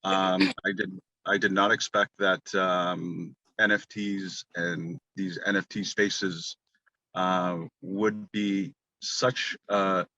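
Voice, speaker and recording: A man's voice: low voice, level tone, slow pace, pushed and bright, no room sound. A man in a casual group voice chat who talks earnestly, with frequent ums. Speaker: NFT community guest. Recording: dull lo-fi line.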